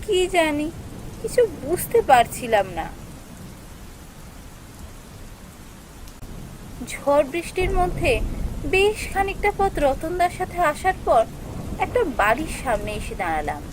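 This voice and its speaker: A woman with a high voice, speaking at normal speed, plays Soumi, an anxious young office worker in a cartoon story recounting her ghost encounter. The scripted narration and dialogue are expressive and emotional, sounding uneasy and puzzled. The audio is poor, with slight background noise.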